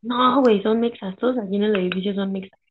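A woman's voice: mid-range voice, fast talker, a little hiss or hum. A young woman with a Mexican accent, chatting casually as a co-host, telling stories full of slang and swearing. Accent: Mexican Spanish. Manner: slangy, swearing, animated storytelling. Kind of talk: casual chat. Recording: tinny phone-like sound.

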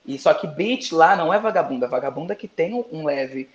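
A man's voice: fairly high pitch, animated, a little fast. A man, a drag queen guest, chatting playfully in campy slang about competing. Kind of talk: casual interview chat. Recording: roomy, dull lo-fi sound.

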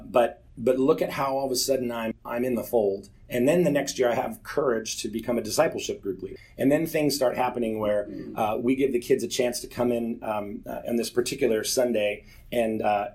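Speaking at a moderate pace, this forties-aged man has a medium-pitched, darkish voice. He's giving a church group a heartfelt, honest testimony, poking fun at himself as he tells his stories.

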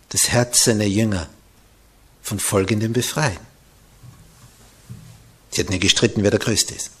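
A man preaching a sermon who turns dramatic, swinging from loud emphatic lines to hushed whispers. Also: medium pitch, breathy edge.

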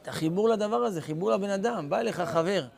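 Gravelly-voiced rabbi giving a lively class. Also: male voice, high-pitched, slight background noise. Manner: lively, calls on students by name, acts out scenes. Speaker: rabbi teaching students. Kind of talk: informal Torah class.

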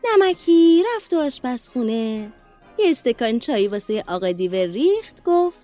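A woman narrating a children's storybook in a lively, expressive read-aloud manner. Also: fairly high pitch, faint music behind.

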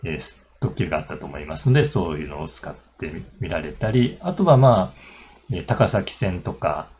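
A man's voice: low-pitched, very animated, normal speed, darkish tone, dull audio, a little hiss or hum. A man hosting a travel talk, casually explaining railway trip tips with lots of fillers and friendly tag particles. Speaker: railway travel channel host.

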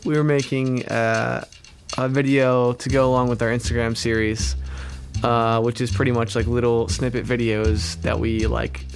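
Give me a laid-back young man in his twenties casually remembering an old incident, with a middle-pitched voice and faint music underneath. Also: level tone, moderate pace. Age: 20s. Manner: laid-back, agreeable, easy laughter. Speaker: interviewee. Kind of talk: casual interview recollection.

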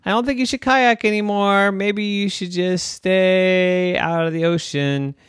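A man doing a high cheerful friendly walrus. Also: fairly even intonation, unhurried, a bit bright, clean tone, no echo, clean studio sound. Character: friendly chatty male walrus.

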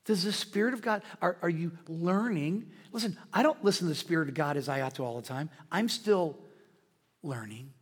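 A man preaching a sermon as pastor, swinging between loud, riled-up delivery and hushed, quiet asides. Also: a little high, normal speed, breathy edge. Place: church sanctuary. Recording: long hall reverb.

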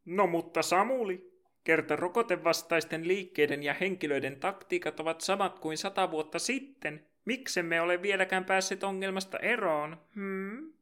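A man's voice: high-pitched, fairly bright tone, voice pushed up. A man voicing a probing male sidekick who puts a pointed question to the host.

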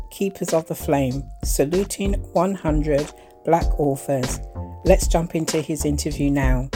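A woman hosting an interview podcast, speaking in a measured, formal manner. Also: on the low side. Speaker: podcast host.

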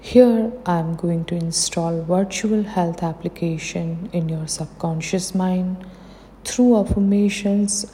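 Her voice lowish and dark in tone, a woman with an Indian accent gives gentle, short-phrased guidance for meditation. Long hall reverb and faint background noise fill the recording.

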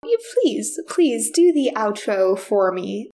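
A woman co-hosting a podcast in casual chat, with deliberate, mock-indignant teasing. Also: medium pitch, sing-song, dark tone. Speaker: podcast co-host.

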